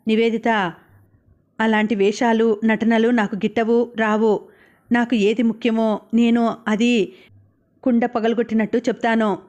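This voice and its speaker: Woman voicing a defiant young wife, sharp-tongued, fairly high, narrow pitch. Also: flat delivery, unhurried, pauses often, lightly acted. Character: angry, tearful young wife, blunt and proud.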